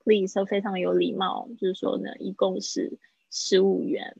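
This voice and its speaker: A woman teaches English in a livestream lesson. Her voice is a bit breathy, at a middle pitch. She says the phrases slowly, then explains them briskly, and the dry recording sounds slightly muffled. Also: flat delivery, mellow, dry recording. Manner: slow drilled English phrases between quick Mandarin explanations.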